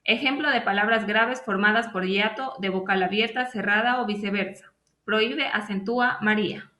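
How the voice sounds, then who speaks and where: A woman's voice: medium pitch, normal speed, bright, forceful tone, echoey room. A woman student presenter reading a class presentation, listing examples one by one. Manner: reads definitions and lists examples one by one.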